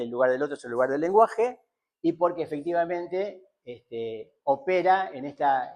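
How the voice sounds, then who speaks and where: A man with a medium-pitched voice gives a seminar lecture on psychoanalysis, thinking aloud with many fillers and repeated tag questions.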